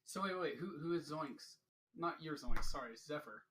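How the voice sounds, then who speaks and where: A man in a game chat, asking quiet questions about the other players. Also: on the high side, lively intonation, normal speed. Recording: distant mic with faint noise.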